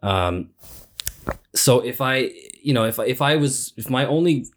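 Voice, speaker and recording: A man's voice: medium pitch, lively intonation, unhurried. Rambling male podcast host. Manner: rambling, many restarts and fillers. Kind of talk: casual chat.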